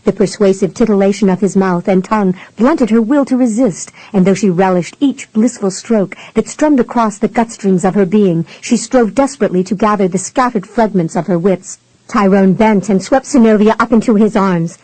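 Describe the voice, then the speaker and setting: Mellow woman reading a romance audiobook. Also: medium pitch, moderate pace, no echo, low-quality recording. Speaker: audiobook narrator. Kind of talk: scripted romance narration.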